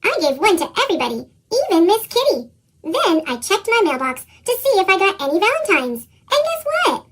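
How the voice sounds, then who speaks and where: Through a squeaky, pitched-up chipmunk effect, a woman voices an excited young animal schoolchild from a picture book, talking briskly in a bubbly, exclaiming way.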